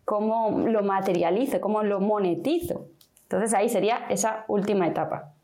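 A woman's voice: mid-range voice, moderate pace, warm tone. A woman guest, a vocational mentor, talking in a conversational interview and acting out inner voices as dialogue.

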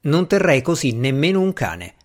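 A man voicing a confident, dismissive male magician in an audiobook, speaking in a brisk way. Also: fairly high pitch, sing-song, pitched above the performer's own voice. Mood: indignant.

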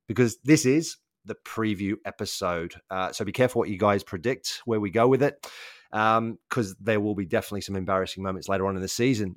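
A man's voice: medium pitch, no room sound, studio quality. A man hosting a football podcast, chatting casually and teasing his guests in a jokey way. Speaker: podcast host. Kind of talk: casual chat. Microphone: video call.

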